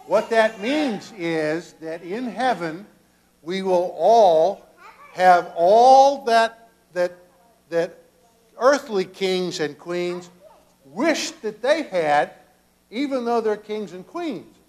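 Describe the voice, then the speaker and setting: Older male pastor, children's sermon, slow and halting delivery, fairly high voice, church sanctuary. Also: animated, darkish tone. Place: church sanctuary, children seated around him.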